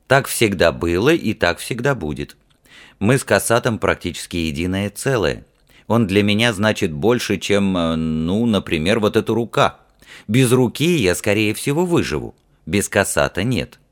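A man's voice: lowish voice, very animated, moderate pace. A man reading an audiobook, voicing a serious, plain-spoken ship's officer who is tired after a hard night. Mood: earnest. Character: earnest, weary male ship's officer and mage.

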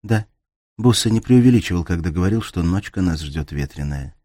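A man reading the part of a young woman who stays calm and takes charge in danger, in an urgent hushed voice. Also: deep voice, brisk, no room sound, clean studio sound. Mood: sleepy surprise. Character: young woman, tense but steady in danger.

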